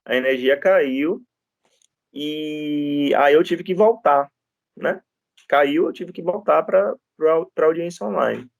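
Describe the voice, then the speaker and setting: A man's voice: on the high side, slow, creaky, no room sound. A man lecturing on law, telling stories from his practice with frequent tag questions and restarts. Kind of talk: classroom lecture with anecdotes.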